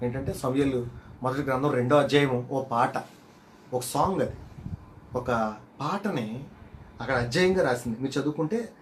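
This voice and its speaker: A male pastor preaching a sermon with dramatic storytelling, swinging from loud emphatic lines to hushed ones. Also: medium pitch, moderate pace, long pauses, a little hiss or hum.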